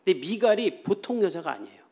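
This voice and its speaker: A man's voice: high-pitched, big pitch swings, fast talker, dark tone, breathy edge. A man preaching a sermon as pastor, telling the story in a casual, chatty way and acting out the quoted lines.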